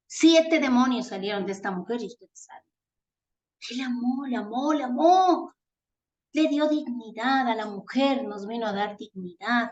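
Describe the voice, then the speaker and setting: A woman's voice: on the high side, lo-fi sound. A woman from Ecuador preaching a sermon, earnest and tender, calling her listeners family. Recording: echoey room.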